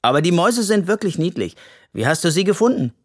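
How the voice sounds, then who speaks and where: A storyteller voicing a fast-talking, earnest young friend in a children's audiobook. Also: mid-range voice, fairly bright tone, lightly acted. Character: quick, reassuring young friend.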